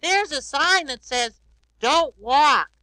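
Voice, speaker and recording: A man voicing a big, sweet, childlike yellow bird on a read-along record, innocent and wondering aloud. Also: very high voice, animated, slow, no echo, heavily acted. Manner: innocent, wondering, talks to himself.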